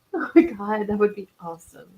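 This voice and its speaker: A woman's voice: medium pitch, big pitch swings, normal speed, warm tone, poor audio. A woman co-hosting a live true-crime podcast, chatting casually and rambling with frequent laughs. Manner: rambling, giggly, self-deprecating. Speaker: podcast co-host. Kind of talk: casual live-stream chat.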